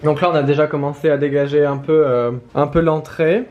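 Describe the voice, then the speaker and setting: Young French male vlogger, casual and rambling, slightly high voice, handheld camera. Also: little pitch movement, fairly quick, muffled recording. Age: 20s. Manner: chatty, rambling with many fillers. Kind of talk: casual home vlog.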